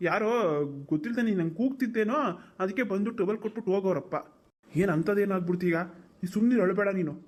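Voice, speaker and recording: A woman's voice: medium pitch, fast, a little mellow, pitched below the performer's own voice, lightly acted. Woman doing a tired placating cartoon son. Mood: soothing. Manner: soothing, placating, weary. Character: tired grown son, placating his mother. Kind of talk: animated cartoon voice acting.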